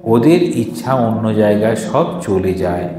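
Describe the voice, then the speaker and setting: This monk's voice is lowish and animated, with a measured pace, as he gives a devotional discourse to a gathering. After reading formal passages, he explains them in plain speech and answers questions he poses himself. The live audience hall is echoey, with faint background noise.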